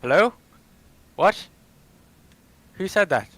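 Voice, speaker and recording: A bewildered fantasy adventurer played by a man in a tabletop game, with a bright voice pushed high. He stammers in panic and sounds thoroughly startled. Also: animated, slow pace, dry recording, exaggerated voice.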